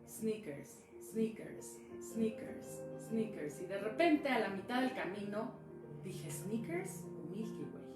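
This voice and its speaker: A woman telling a personal story casually on a live stream, acting out the dialogue as she goes. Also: mid-range voice. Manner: chatty, acts out dialogue in the story. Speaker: speaker sharing a personal experience. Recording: echoey room with music behind.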